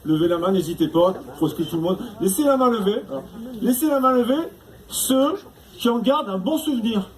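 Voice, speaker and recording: A man's voice: high-pitched, lively intonation, fairly quick. A male stand-up comedian doing crowd work, chatty and teasing, tacking on tag questions as he goes. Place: stage before a live audience. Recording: noisy live room.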